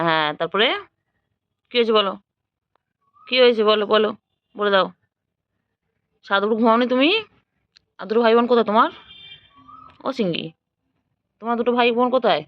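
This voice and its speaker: A woman's voice: medium pitch, brisk, long pauses, no echo, lo-fi sound. A woman at home talking baby talk to her cats, cooing and repeating their pet names in a sing-song way. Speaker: cat owner filming her pets.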